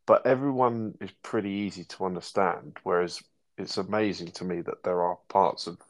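An English man co-hosting a podcast in casual chat, asking questions in a measured way. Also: deep voice, steady tone. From England. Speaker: podcast co-host.

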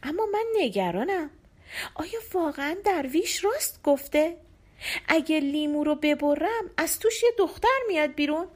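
A woman's voice: high-pitched, big pitch swings, darkish tone, pitched above the performer's own voice. A woman playing an earnest young prince. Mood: anxious. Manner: musing aloud, earnest. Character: young curious, anxious prince.

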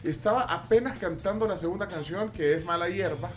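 A man's voice: high-pitched, a little fast. Salvadoran male radio host over music. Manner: rambling, hesitant, repeats words. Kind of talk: casual live radio chat. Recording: clear music bed behind.

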